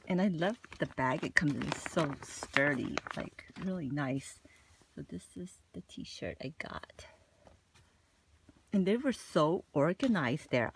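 With slight background noise behind her, a woman talks through her shopping haul in a casual vlog. Her voice sits low, and she's chatty and effusive, leaning heavily on "like" and "you know."

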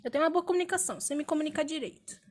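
A young adult woman co-hosting a podcast, chatting casually in an animated, self-assured way with frequent laughter. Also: sits high, very fast. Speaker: podcast co-host.

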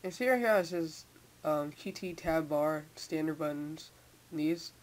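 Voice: mid-range voice, unhurried. A teenager giving a casual computer tutorial, stumbling and repeating words, with speech slightly hampered by a mouth sore from tightened braces. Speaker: software tutorial maker. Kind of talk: casual unscripted screen tutorial. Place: indoors at a computer. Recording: hissy, noisy home microphone.

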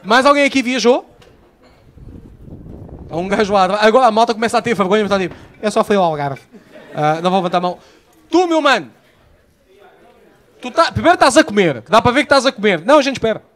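A young man with a Portuguese accent doing live stand-up, bantering loudly with the audience and swearing freely. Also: sits high, animated, fast talker, pauses often. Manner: loud, profane banter with the audience. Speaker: stand-up comedian. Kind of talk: live stand-up with crowd work. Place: comedy stage before a live audience. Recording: live show with faint crowd noise.

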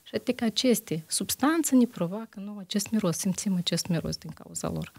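A woman's voice: medium pitch, lively intonation, no room sound. A woman internist answering interview questions on a health show, methodical, listing examples with frequent hesitations.

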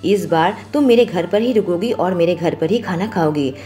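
A woman's voice: on the low side, lively intonation, normal speed, dark tone, faint music behind, close to an everyday voice. A woman voicing an insistent, playful young man in a romantic audio story, keeping close to her own voice. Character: young man, pushy and teasing widower.

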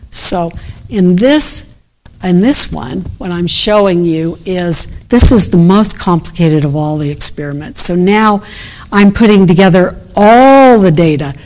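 Thinking out loud over her slides, a middle-aged keynote speaker at an academic conference talks without a script and frequently starts sentences over. She has a lowish, warm voice.

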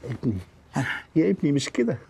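A man's voice: a little high, sing-song, brisk, vocal fry, warm tone, breathy edge, exaggerated voice. An actor playing a middle-aged father-in-law with an Egyptian accent who fusses and teases. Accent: Egyptian Arabic. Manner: fussing, teasing.

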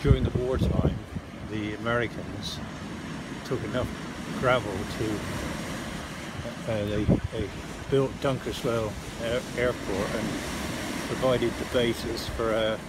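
An older man, a local resident, chatting casually outdoors on a coastal clifftop, halting and correcting himself as he goes. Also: medium pitch, fairly even intonation. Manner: halting, with restarts and self-corrections. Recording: loud outdoor noise.

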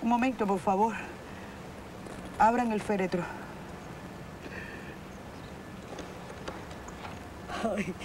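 A woman's voice: medium pitch, normal speed, echoey room, lightly acted. An actress with a Cuban accent playing an intense, desperate woman who pleads and swears often, in a film drama. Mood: grieving. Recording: film audio with steady background noise.

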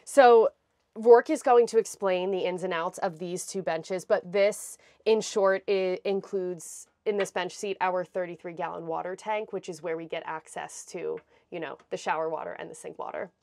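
This young American woman's voice sits on the low side, steady and a little mellow, at a moderate pace. She gives a casual, explanatory camper van walkthrough on a clip-on lapel mic, recorded dry.

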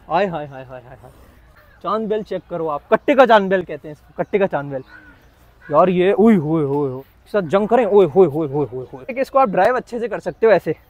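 A young man with a high but darkish voice vlogs while walking through an outdoor cattle market, joking with sellers and exclaiming over the animals. Crowd chatter and noise surround him.

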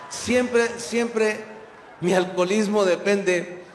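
A stand-up comedian with a Mexican accent tells a rowdy story, swearing freely and throwing in slang. His voice sits a little high for a man. The sound carries long reverb from a large hall, with faint room noise behind it. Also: steady tone, takes it slowly. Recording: echoey hall with live ambience.

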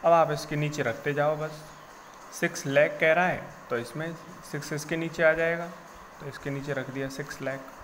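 A man's voice: fairly high pitch, steady tone, moderate pace, a bit bright, slight background noise. A man teaching a recorded math lesson to children, patiently repeating each step and reassuring them it is simple.

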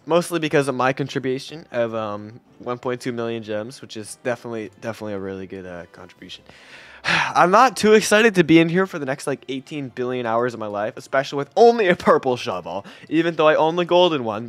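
A man's voice: medium pitch, expressive, fast, dry recording. Chatty young man, dry close sound. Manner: chatty, laughs often, trails off quietly. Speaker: gaming YouTuber. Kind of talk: casual gameplay commentary.

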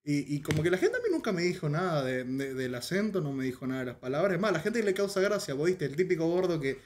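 A man's voice: on the high side, quick pace, slight background noise. A man from Paraguay with a Paraguayan Spanish accent, hosting a casual chat in a joking, slangy manner. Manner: relaxed, joking, rioplatense slang. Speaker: host.

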